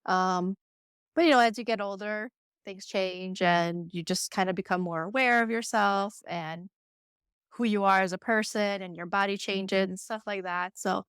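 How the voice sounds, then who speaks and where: A woman's voice: medium pitch, steady tone, normal speed, fairly bright tone, smooth, dry recording, studio quality. A woman in her thirties, born in Croatia and raised in Michigan, chatting casually as a podcast guest with lots of filler words. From born in Croatia, raised in Michigan, United States. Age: 30s. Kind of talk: casual interview chat.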